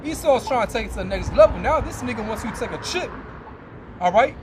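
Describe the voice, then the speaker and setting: A man with a high voice reads scripture slowly and aloud, then breaks into slangy preaching that keeps landing on "man." He is outdoors by a road, and loud traffic and car sounds run behind him. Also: expressive. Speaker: street preacher. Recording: loud street and car noise.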